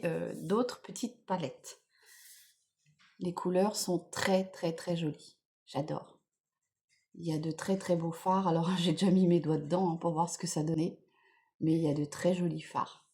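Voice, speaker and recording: A woman in casual vlog chat, enthusiastically presenting gifts to her viewers, repeating words and filling pauses as she goes. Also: mid-range voice, a little mellow. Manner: chatty, enthusiastic, many fillers and repeated words. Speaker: beauty vlogger. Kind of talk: casual unboxing chat to camera.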